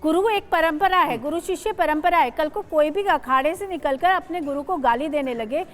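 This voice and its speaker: A woman's voice: high-pitched, moderate pace. A woman panelist in a TV debate, speaking firmly and with indignation. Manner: firm, indignant. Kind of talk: heated debate argument.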